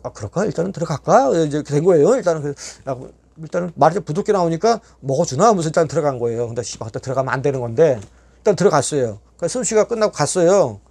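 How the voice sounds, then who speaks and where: Middle-aged male storyteller, quick and animated, acts out dialogue, salty language. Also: a little high, breathy edge. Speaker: YouTube storyteller. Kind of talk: casual storytelling.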